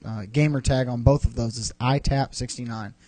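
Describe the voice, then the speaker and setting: A man's voice: medium pitch, fairly even intonation, normal speed, darkish tone, dry recording. A young man co-hosting a podcast, rambling and joking in casual chat. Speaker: podcast co-host.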